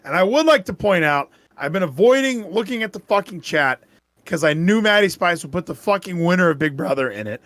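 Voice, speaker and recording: A man's voice: high voice, animated, brisk, fairly bright tone, no room sound. A man co-hosting a live stream, ranting in an exasperated, profane way. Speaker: co-host. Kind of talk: casual live-stream commentary.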